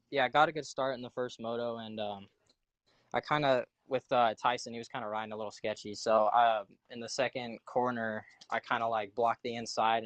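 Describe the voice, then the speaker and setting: A man answers questions over an online voice chat mic that keeps cutting out, so his volume jumps up and down. He speaks in a flat, level way with lots of fillers. The sound is dry and close. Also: lowish voice, no room sound. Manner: flat, hesitant, many fillers. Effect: uneven volume from a cutting-out mic. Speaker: league racer being interviewed. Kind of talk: casual post-race interview.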